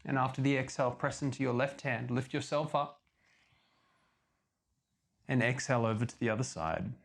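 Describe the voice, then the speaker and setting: A man leading a guided yoga class as instructor, giving calm, measured step-by-step cues. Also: mid-range voice, creaky.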